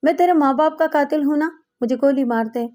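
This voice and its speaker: A woman's voice: high-pitched, warm tone, lightly acted. A woman voicing a hot-tempered, tormented young man in an audiobook, reading his lines with impassioned pleading. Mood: desperate.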